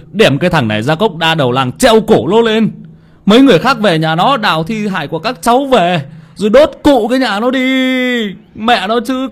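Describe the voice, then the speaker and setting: A man's voice: high-pitched, fairly bright tone, voice pushed up. A man voicing an enraged grieving father. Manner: bellowing, cursing.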